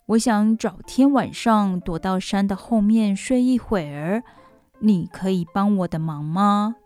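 A woman voicing a kind, gentle male moon in a children's story, speaking softly and low. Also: unhurried, faint music behind, natural voice.

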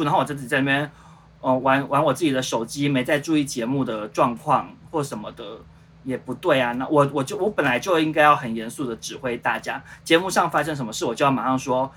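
A man's voice: mid-range voice, a little hiss or hum. A man in his thirties with a Taiwanese Mandarin accent, casually telling a story on a livestream and acting out the dialogue with lots of fillers. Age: 30s. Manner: animated, re-enacts dialogue, rambling with many fillers. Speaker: show producer and host.

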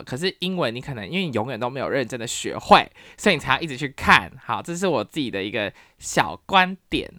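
A woman's voice: low-pitched, no room sound, studio quality. A woman from Taiwan, a university professor talking frankly and with opinions in a casual podcast monologue. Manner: frank and opinionated, animated storytelling.

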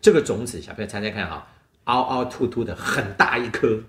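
A man's voice: lowish voice, expressive, brisk, fairly bright tone, echoey room. A man with a Taiwanese Mandarin accent tells a picture-book story as if to toddlers, playfully prompting them with guessing questions. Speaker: storytelling host.

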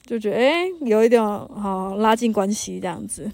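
A woman's voice: mid-range voice, moderate pace, vocal fry, a little mellow, no room sound. Taiwanese woman in her 30s, easygoing podcast chat by a campfire, quotes folks, laughs a lot. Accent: Taiwanese Mandarin. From northern Taiwan. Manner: chatty storytelling, quotes people, laughs often. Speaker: podcast host. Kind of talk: casual solo podcast chat. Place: mountain campsite by a campfire.

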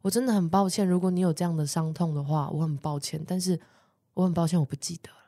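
A podcast co-host with a fairly low voice talks fast as she tells a story in a casual chat. She's an animated storyteller who swears, laughs often and acts out what other people said.

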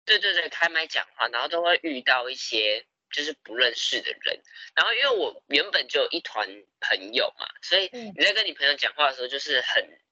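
Lively bright-voiced man. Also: fairly high pitch, a little fast, no room sound, lo-fi sound. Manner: animated storytelling, laughs often. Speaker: podcast co-host. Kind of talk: casual chat.

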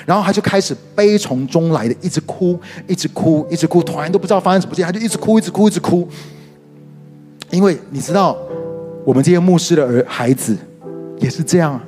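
A middle-aged man with a Taiwanese Mandarin accent preaching a sermon, telling stories animatedly with sudden leaps in pitch. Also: animated, quick pace. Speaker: pastor and worship leader. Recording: reverberant hall with soft music behind.

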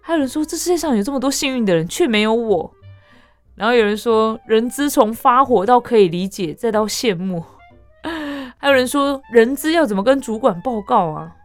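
A woman podcast host, chatting casually and reading out online comments in a lively way, with frequent exclamations and laughter. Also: on the high side, brisk, soft background music. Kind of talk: casual chat reading netizen stories.

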